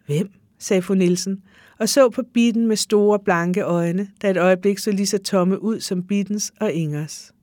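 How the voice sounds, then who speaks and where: A reader narrates literary prose in a measured, even way. The voice sits at a middle pitch, and the recording is dry and close, with no room sound. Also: no room sound. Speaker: audiobook reader. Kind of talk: literary reading.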